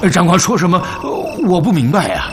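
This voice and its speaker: An actor playing an older captured bandit lieutenant in a TV drama, wily and deferential, speaking with theatrical earnestness. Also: male voice, high-pitched, lively intonation, quick pace, background noise. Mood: evasive, deferential. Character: captured old male bandit second-in-command, wily, deferential, pleading. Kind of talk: television drama acting.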